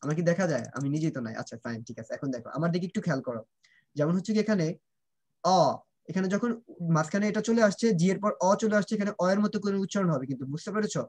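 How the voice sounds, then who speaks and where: Quick-talking man teaching a kids' class. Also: high voice, expressive, darkish tone. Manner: drills sounds, checks often if students understand; mixes Bengali and English. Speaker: English teacher. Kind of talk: online class for children.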